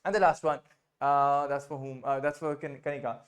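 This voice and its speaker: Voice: medium pitch, level tone. A French teacher with an Indian English accent leading an online class over a video call, mixing English, Hindi and French and repeating phrases patiently. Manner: patient, drills phrases by repeating them slowly.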